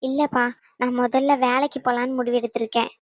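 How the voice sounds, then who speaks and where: A woman's voice: on the high side, flat delivery, quick pace, no room sound, close to an everyday voice. A woman voicing a determined young woman in a cartoon who explains her plans to her father. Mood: earnest. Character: earnest young woman, elder daughter, determined. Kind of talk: cartoon voice acting.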